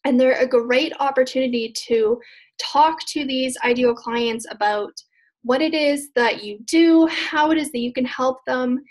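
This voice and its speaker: A young adult woman presenting a casual webinar as a business coach, chatty and earnest with loose, repetitive phrasing. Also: high-pitched.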